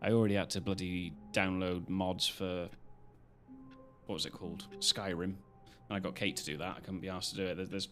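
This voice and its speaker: Low-pitched British man rambling casually. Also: fairly even intonation, a little fast, a bit bright, faint music behind. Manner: rambling, loosely strung-together talk. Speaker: live streamer hosting. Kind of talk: casual stream chat.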